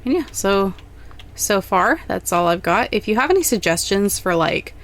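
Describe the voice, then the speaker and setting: A young adult woman giving relaxed, rambling gameplay commentary, thinking aloud as she plans. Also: medium pitch, moderate pace. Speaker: gaming channel host.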